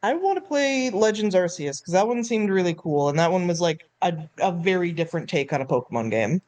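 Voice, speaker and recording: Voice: mid-range voice, very animated, a little fast, darkish tone. A person chatting casually and eagerly on a stream about favorite games, rambling with lots of "like". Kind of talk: casual gaming chat.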